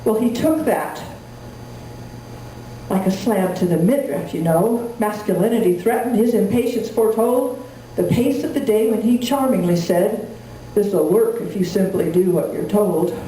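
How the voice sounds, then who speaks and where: Woman, cowboy poetry recitation, folksy rhymed storytelling, soft-edged warm tone, distant mic with faint noise. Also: medium pitch, unhurried, heavy reverb. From rural Wyoming, United States. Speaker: cowboy poet. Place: indoor room at a live gathering.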